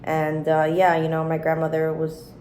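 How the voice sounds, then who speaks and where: A woman's voice: deep voice, completely flat delivery, moderate pace, darkish tone, roomy sound, slight background noise, low-quality recording. A woman in her thirties chatting casually as she cooks in a home kitchen, swearing freely and talking candidly. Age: 30s. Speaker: cooking vlogger. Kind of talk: casual cooking chat.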